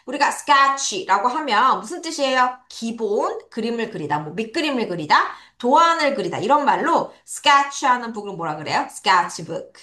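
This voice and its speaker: A woman teaching English vocabulary to children in an online lesson, asking questions and answering them herself, spelling words letter by letter and drawing out each word slowly for pupils to repeat. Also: fairly high pitch, expressive, pushed and bright. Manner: spells words letter by letter, slow drawn-out model pronunciation. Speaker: English teacher at a private academy.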